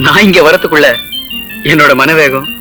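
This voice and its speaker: An earnest young suitor from a well-off family, his voice a little high. He coaxes his sweetheart warmly while film music plays clearly underneath. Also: normal speed, low-quality recording. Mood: romantic. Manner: earnest, coaxing. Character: young wealthy lover, earnest, romantic. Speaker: film actor. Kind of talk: 1980s film dialogue.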